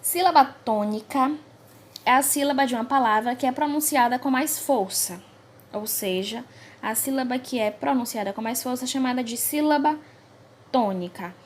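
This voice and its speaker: Brazilian teacher woman, slightly high voice. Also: slight background noise. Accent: Brazilian Portuguese. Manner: slow and clear, stressing each example word. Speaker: primary school teacher. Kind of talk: classroom grammar review.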